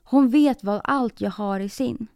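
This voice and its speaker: A woman's voice: on the high side, gravelly, dry recording, studio quality. A woman voicing a proud, harsh false bride in a storybook reading, speaking sharply. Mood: defensive. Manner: sharp, scolding.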